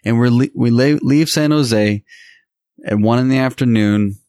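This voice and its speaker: A man's voice: mid-range voice, measured pace, darkish tone, no echo, studio quality. A man co-hosting a podcast, chatting casually and telling personal stories. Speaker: podcast co-host. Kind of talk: casual chat and personal storytelling.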